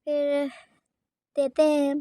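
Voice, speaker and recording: A woman narrating her vlog in a casual voice-over, telling a simple story with hesitant pauses. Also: sits high, monotone, mellow, no echo, clean studio sound. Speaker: vlogger.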